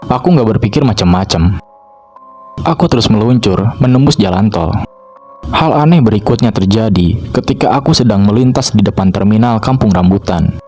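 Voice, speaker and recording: A man calmly narrating a first-person horror story in a steady, measured way, recorded on a cheap mic. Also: lowish voice. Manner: calm, steady storytelling with short pauses. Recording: cheap mic with faint background music. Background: faint music.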